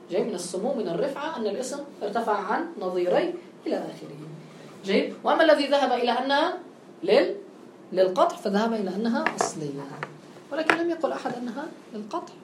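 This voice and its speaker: Woman teacher, highish voice, keeps asking "clear?" and "good", echoey room. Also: slight background noise. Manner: checks understanding with frequent questions and affirmations. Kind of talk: grammar lesson.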